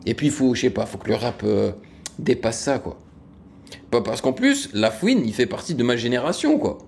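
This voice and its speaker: A man's voice: mid-range voice, big pitch swings, normal speed, creaky, a little mellow, a little hiss or hum. A man in his late thirties hosting a music reaction, talking casually and frankly with lots of fillers and restarts. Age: late 30s. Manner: frank, rambling, many fillers.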